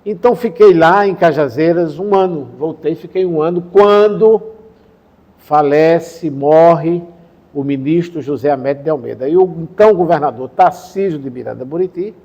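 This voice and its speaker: An older man from the Sertão of Paraíba in Brazil, calmly recalling his career in an interview, pausing to correct names and dates. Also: a little high, dull audio. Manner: unhurried, recounts dates and names, self-correcting. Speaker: interviewee, retired professor and former education official. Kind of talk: reminiscing interview answer.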